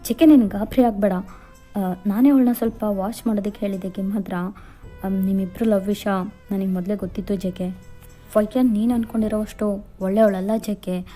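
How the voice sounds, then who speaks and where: A woman's voice: mid-range voice, fairly even intonation, a little fast, dark tone, soft background music, lightly acted. A woman voicing a ruthless, domineering rich father who coldly threatens a young woman in a fan fiction voiceover. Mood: scheming.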